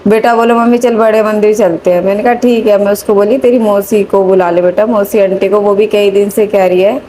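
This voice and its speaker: A woman's voice: mid-range voice, steady tone, brisk, warm tone, slight background noise. A middle-aged woman giving a devotional testimony, earnest and pleading as she prays and chants.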